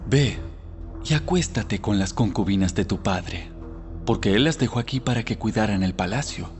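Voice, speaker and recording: A cold, scheming royal counselor in a Bible audio drama. He lays out advice in a measured, calculating way, in a low male voice under prominent music. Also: a little mellow.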